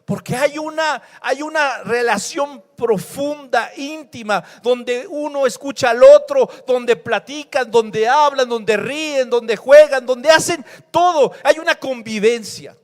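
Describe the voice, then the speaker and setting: A male pastor, preaching a sermon that swings between loud emphasis and hushed scripture reading. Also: extremely high pitch, slow, hardly any pauses. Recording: long hall reverb.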